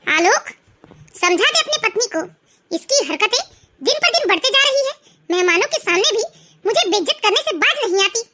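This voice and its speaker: A woman doing a furious, bossy mother-in-law for an animated story, her voice pitched up high and bright, and she scolds in sharp, shrill bursts. She threatens and nags all the time. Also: brisk, a little hiss or hum, heavily acted. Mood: angry.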